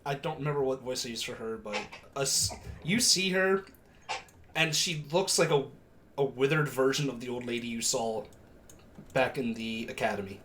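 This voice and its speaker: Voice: mid-range voice, normal speed, a bit bright, a little hiss or hum. A casual, informal game master who swears freely while narrating a tabletop game.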